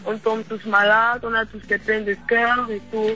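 A Cameroonian woman with a foreign accent in her French speaks as a radio guest. Her voice is very bright and fairly even in pitch. She feels her way through answers, repeating and rewording, with faint music behind her. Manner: halting, repetitive French with rephrasing. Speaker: guest singer.

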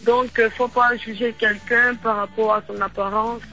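A Cameroonian woman with a foreign accent in her French speaks as a radio guest. Her voice is very bright and fairly even in pitch. She feels her way through answers, repeating and rewording, with faint music behind her. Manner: halting, repetitive French with rephrasing. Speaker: guest singer.

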